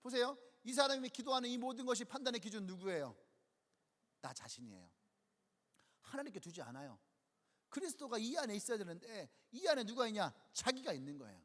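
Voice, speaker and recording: A man's voice: very high-pitched, sing-song, a little fast, a bit bright. A male pastor preaching a sermon in a church sanctuary. He asks rhetorical questions and acts out quotes. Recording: long church hall reverb.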